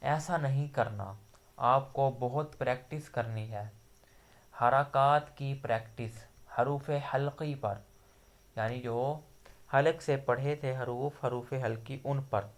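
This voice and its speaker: Man, recitation teacher, patient explaining, slow demonstration syllables, mid-pitched voice. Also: steady tone. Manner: patient, repeats letters slowly with drawn-out demonstration syllables. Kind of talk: online tajweed lesson.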